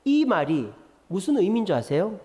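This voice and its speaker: A man pastor preaching a Friday prayer-meeting sermon, lively and expressive, acting out quoted lines. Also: high-pitched, moderate pace. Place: church sanctuary. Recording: reverberant church hall.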